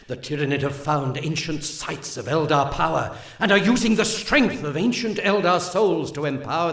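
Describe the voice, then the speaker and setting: A male actor, voicing a solemn and zealous alien elf war leader for a video game, gives mission briefings in grand, archaic oratory with a grave, urgent mood. His voice sits a little high and a bit bright, with reverberant sound.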